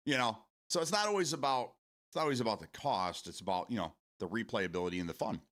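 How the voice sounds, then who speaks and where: A man's voice: lowish voice, animated, fast, fairly bright tone. A man in his forties hosting a casual morning stream, rambling, repeating words and swearing casually as he answers viewer comments. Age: 40s.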